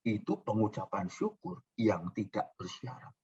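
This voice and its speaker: A male pastor delivers a sermon with heavy emphasis, leaping from loud high cries to hushed, almost whispered lines. He speaks directly to his listeners, calling them brothers and sisters. The recording sounds a little dull and muffled. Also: very animated, unhurried, slightly rough. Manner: emphatic preaching, big swings between loud and hushed; addresses listeners as "saudara".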